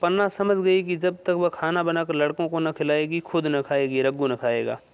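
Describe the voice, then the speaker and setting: A man reading a classic short story aloud in a measured storytelling manner. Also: fairly high pitch, steady tone, clear, resonant tone. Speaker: story reader. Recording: dull lo-fi recording.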